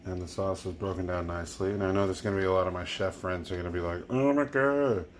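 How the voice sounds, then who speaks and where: A man's voice: deep voice, completely flat delivery, rapid-fire, a little hiss or hum. A tipsy man hosting a casual home cooking video, loose and chuckling as he talks viewers through the dish. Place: home kitchen.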